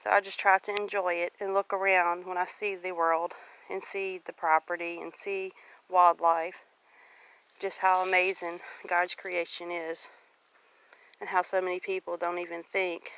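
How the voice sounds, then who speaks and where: This is a casual, reflective vlog from a woman in her late forties who runs a homestead, speaking to viewers as she walks outside on her rural property in a devout, encouraging way. Her lowish voice stays fairly flat in pitch, moves at a moderate pace, and sounds fairly bright. The rough outdoor recording has clear background noise.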